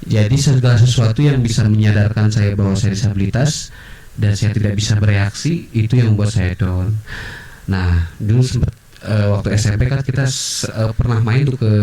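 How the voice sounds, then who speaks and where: A man as a podcast guest, telling personal stories in an animated way and acting out the voices of others. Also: lowish voice. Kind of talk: personal storytelling in a podcast interview. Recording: roomy, distant mic.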